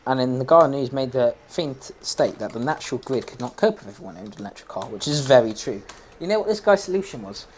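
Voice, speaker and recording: A man's voice: medium pitch, expressive, quick pace, hardly any pauses, darkish tone, slight background noise. A young man chatting casually while playing a game, rambling, opinionated and laughing often. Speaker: gaming streamer.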